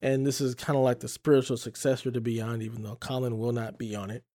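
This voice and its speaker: Male podcast host, easygoing and chatty, medium pitch. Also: little pitch movement, fast talker, dark tone. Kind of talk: casual podcast chat.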